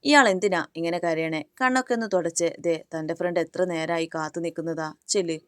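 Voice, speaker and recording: A woman reads a fearless young heroine in a storybook reading. Her words are firm and scolding. The voice sits low and sounds close and dry. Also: fairly quick, a bit bright, clean tone, no echo, natural voice. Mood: soothing. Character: bold young woman who stands up to bullies.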